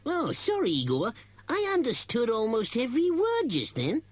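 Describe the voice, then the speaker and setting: A man voicing a childish, bossy and excitable vampire duck count in a storybook reading, self-important and quick to take offence. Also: extremely high pitch, no room sound, pitched above the performer's own voice, heavily acted.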